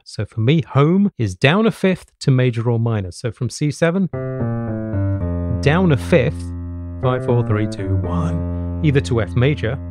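A middle-aged jazz piano teacher from England, at medium pitch, gives an instructional lesson with piano demonstrations, explaining and checking understanding with short tag questions. He's close to a large studio mic on a boom arm in a small home study with bookshelves, with piano playing behind him.

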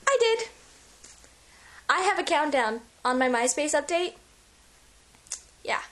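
A woman's voice: sits high, sing-song, takes it slowly. A young woman chatting casually and teasingly into a handheld camera at home late at night. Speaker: video blogger. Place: at home, indoors. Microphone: handheld camera mic.

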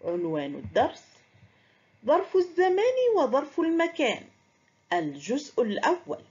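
A woman's voice: high voice, huge pitch swings, moderate pace, darkish tone, muffled recording. A woman teaching a primary school grammar lesson, asking pupils questions and praising their imagined answers. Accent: Qatari. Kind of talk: recorded classroom lesson.

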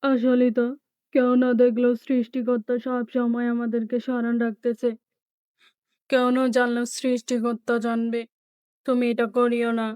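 A woman voicing a tired, gentle village father who mildly persuades his wife in a doll story. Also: a little high, completely flat delivery, clear, resonant tone, no echo, clean studio sound, lightly acted. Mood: persuading. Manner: slow, mild persuading.

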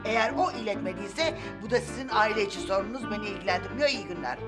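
A woman's voice: medium pitch, animated, rapid-fire, over loud music, lightly acted. A woman playing a firm, proper schoolteacher. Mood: indignant. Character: idealist schoolteacher, a young woman. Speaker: teacher. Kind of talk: sitcom acting.

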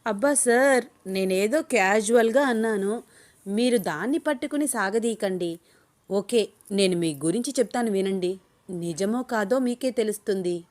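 A woman reading a story, voicing a lively, quick-tongued young woman who protests and insists. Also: mid-range voice, close to an everyday voice. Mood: protesting.

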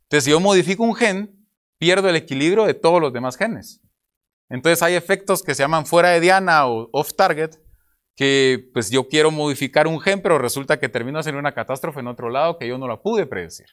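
Man, Guatemalan accent, conference speaker, explanatory, table mic, a bit high-pitched. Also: a little fast, fairly bright tone. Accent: Guatemalan Spanish. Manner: explanatory, gestures while speaking, rhetorical questions. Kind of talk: academic conference talk. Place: conference room with projector slides. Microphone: table microphone at a panel.

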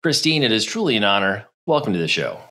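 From his home studio with a neon sign, a middle-aged podcast host reads a scripted opening and then asks friendly interview questions. Wearing an over-ear headset, he speaks fast in a lowish, sing-song voice with a bright, forceful tone.

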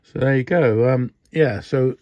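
An older man, a radio hobbyist, casually demonstrates a radio modification at an indoor workbench, rambling with lots of fillers and restarts. His mid-range voice moves a little slowly. The dull, dry lo-fi phone audio has no echo.

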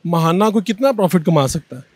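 A young man, hosting a brisk street interview outdoors with a handheld mic. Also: sits high, lively intonation, a little mellow, no room sound. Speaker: interviewer and anchor. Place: busy city street outdoors.

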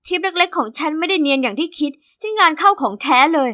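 Woman doing a high, fast-talking teen girl, cheeky animated storyteller. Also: heavily acted. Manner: lively, cheeky first-person storytelling. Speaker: narrator of an animated diary story.

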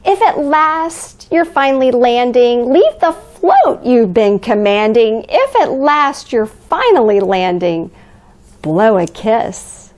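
Woman as high, sing-song Mrs. Claus. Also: sing-song, slow pace, darkish tone. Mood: playful, lively. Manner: sing-song, exaggerated, addressing young children. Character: Mrs. Claus, cheerful elderly grandmotherly storyteller. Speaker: children's storyteller. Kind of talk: expressive picture-book read-aloud for children. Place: living room by a fireplace, indoors.

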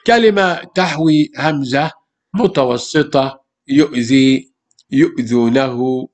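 A man's voice: on the high side, lively intonation, moderate pace. A man with an Egyptian Arabic accent teaches young pupils a grammar lesson in a slightly raised voice. He speaks patiently, repeating each word and asking his class rhetorical questions as he explains. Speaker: primary school Arabic teacher.

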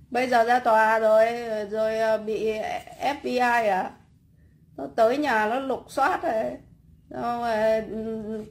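A blunt, scornful woman rants on a casual livestream from her home. Her voice sits a little high, and she stumbles over repeated fillers while she works on cakes in her kitchen. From Vietnam.

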